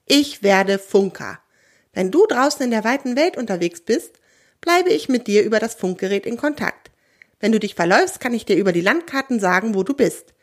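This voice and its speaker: A woman voicing a timid but curious little male creature, talking in an anxious, squeaky, high voice in a children's audio story. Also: animated, normal speed. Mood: worried, eager.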